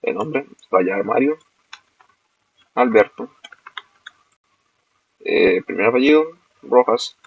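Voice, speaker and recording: A young man, a student walking through a screen-recorded software demo step by step and correcting himself as he goes. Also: medium pitch, animated, slow, creaky, long pauses, slightly rough, no echo. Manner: explains step by step, self-corrects. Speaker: student presenting a project. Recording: dull, lo-fi dry recording.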